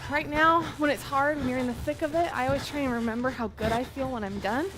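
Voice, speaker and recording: Over workout music, a young woman fitness instructor with a high voice talks quickly, counting down and motivating her class outdoors on a covered wooden deck by a pond. Her aerobics coaching is encouraging, and the recording sounds rough.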